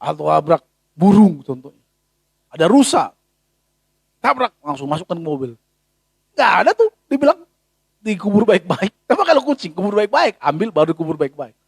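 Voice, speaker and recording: A pastor preaching a sermon in a casual, animated way, full of rhetorical questions. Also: male voice, high voice, normal speed, creaky, long pauses, breathy edge, dry recording, clean studio sound.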